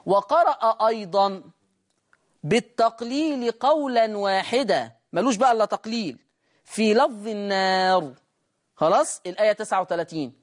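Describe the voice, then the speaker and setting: An Egyptian man teaches Quran recitation in a room with a board. He keeps asking himself questions and answering them, and he slows way down to draw out each demonstrated sound. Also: high-pitched. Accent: Egyptian Arabic. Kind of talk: recitation lesson.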